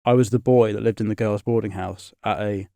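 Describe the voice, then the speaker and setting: On the low side and steady, this man's voice is gravelly yet mellow, clear and resonant, moving a little fast in a dry recording. In his thirties and raised in Scotland and England, he's a comedian guest chatting casually in a podcast studio, rambling and cutting himself off.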